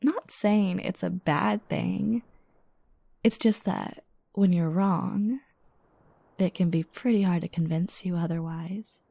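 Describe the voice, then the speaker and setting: Heavily acted, this intimate roleplay has a woman portraying a drowsy young girlfriend whose mellow, slightly gravelly voice sits on the low side. Mock bossy and teasing, she speaks slowly, softly and close to the mic with breathy asides, and the sound is dry, roomless and echo-free.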